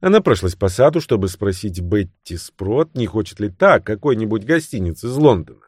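A man reading a novel aloud as an audiobook narrator, expressive and voicing the characters' lines. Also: lowish voice, normal speed, no echo, clean studio sound. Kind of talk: scripted narration.

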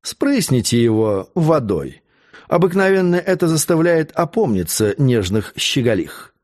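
A man's voice: fairly high pitch, sing-song, moderate pace, darkish tone. A man doing a sneering, drawling nobleman. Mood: dismissive. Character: sneering scornful nobleman, cool and mocking.

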